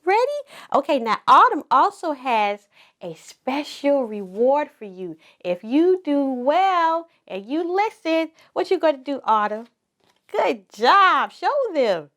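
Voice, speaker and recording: Sing-song woman kids show host, very slow. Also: high voice, sing-song, a bit bright. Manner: sing-song, encouraging address to small children; enunciates simply with repetition. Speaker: children's circle time host.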